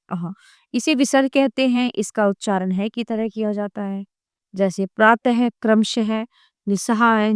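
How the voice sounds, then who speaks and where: A woman teacher leads a grammar lesson for young children, sounding out letters one at a time. Her voice is smooth and clear, at a middle pitch, and the recording is close and dry with no room around it. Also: no room sound. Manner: spells out sounds slowly one by one; addresses children warmly and directly.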